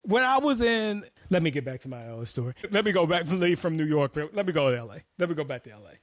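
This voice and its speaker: A man's voice: on the high side, very animated, fast talker, dry recording, clean studio sound. A man hosting an opinionated commentary monologue, talking bluntly and profanely as he tells stories. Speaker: host.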